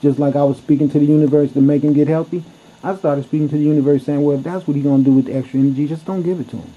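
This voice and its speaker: A man's voice: fairly high pitch, steady tone, racing. A man telling a story to camera in a blunt, heated way, cursing freely as he goes. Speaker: vlogger. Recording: dull lo-fi recording.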